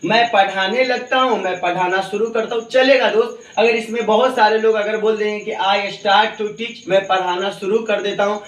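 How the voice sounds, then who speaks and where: A man's voice: high voice, fairly even intonation, moderate pace, few pauses, a bit bright, lo-fi sound. A man teaching an English grammar lesson, drilling example sentences over and over and calling his students his dear children. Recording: echoey room, voice from far off.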